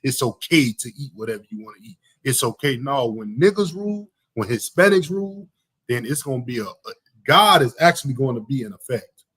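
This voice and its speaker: A man's voice: mid-range voice, very animated, brisk, fairly bright tone, slightly rough, no echo. A man hosting a live talk show, giving heated, preachy religious commentary with emphatic repetition. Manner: emphatic, preachy, repeats "you know what I'm saying". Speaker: podcast host.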